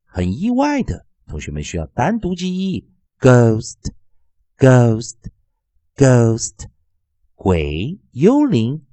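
A man teaching English phonics in a classroom style, repeating sounds and words slowly. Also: husky, no echo. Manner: slow, drawn-out repetition of sounds and words; very lively, sing-song pitch.

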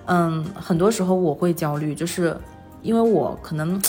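A woman in her thirties chatting casually as an interview guest, telling personal stories in an animated, self-deprecating way. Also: fairly low pitch, moderate pace, faint music behind. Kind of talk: casual conversational storytelling.

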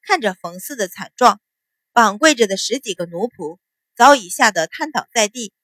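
A woman's voice: medium pitch, expressive, normal speed, a bit bright, no echo. Woman narrating a novel, dry close sound. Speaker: audiobook narrator.

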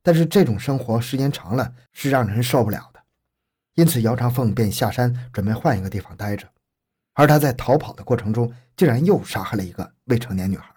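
A man narrating a scripted true-crime story in a measured, grave manner. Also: medium pitch, darkish tone, slightly rough.

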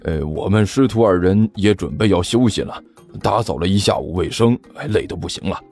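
A man's voice: darkish tone, breathy edge, faint music behind. A man doing a weary, sighing old master. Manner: slow, sighing, low-key. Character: weary male master, tired and put-upon. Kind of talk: audiobook character voice.

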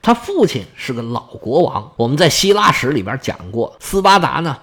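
A man tells ancient history in a relaxed, chatty way, and his voice rises and falls a lot. He sits a bit high for a man and throws in joking asides. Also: moderate pace. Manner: lively, colloquial, joking asides. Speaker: history storyteller. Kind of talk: casual history storytelling.

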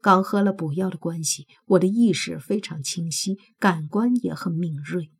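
A woman reading a novel aloud as its first-person narrator, in a steady storytelling manner. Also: fairly low pitch, moderate pace, vocal fry, husky. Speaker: audiobook narrator.

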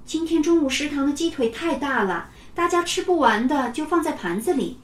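A woman's voice: high voice, animated, normal speed. A woman voicing a kind but firm kindergarten teacher who gives instructions in a children's story. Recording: roomy, from off the mic.

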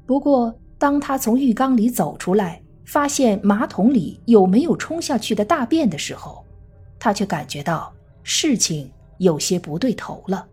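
A woman true crime narrator reading a scripted case story in a measured storytelling manner. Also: medium pitch, sing-song, a little mellow, slightly rough. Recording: faint music under the voice. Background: faint background music.

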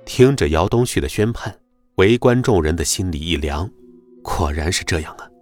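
A man narrating a web novel audiobook in an expressive storytelling manner. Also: deep voice, normal speed, soft background music.

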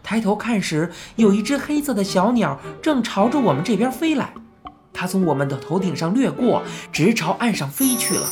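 A woman's voice: mid-range voice, normal speed, soft background music. Woman reading a children's story. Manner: expressive storytelling. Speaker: audiobook narrator. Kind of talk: children's audiobook narration.

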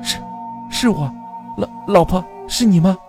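A man's voice: high-pitched, normal speed, music in the background, pitched above the performer's own voice. A man playing a stammering tearful widower. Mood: choked. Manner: stammering, choked.

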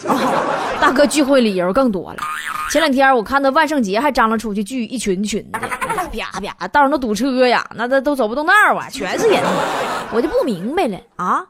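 A woman's voice: on the high side, lively intonation, fairly quick, very noisy. A woman with a Northeastern Mandarin accent giving a playful comic monologue as host, laughing often. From Northeast China. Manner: playful storytelling, frequent laughter. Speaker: comedy show host.

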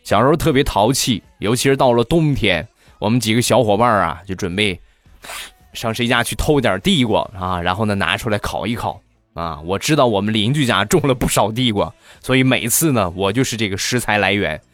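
Animated playful male storyteller. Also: fairly low pitch, fairly quick, no room sound. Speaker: comedian storyteller. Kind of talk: comic storytelling monologue.

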